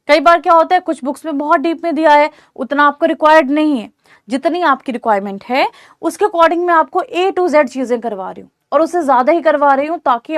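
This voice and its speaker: A woman's voice: sits high, dry recording, studio quality. A woman teacher giving an online exam-prep lecture, reassuring her students and checking in often to ask whether they follow. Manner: reassuring, repeats "theek hai" to check understanding.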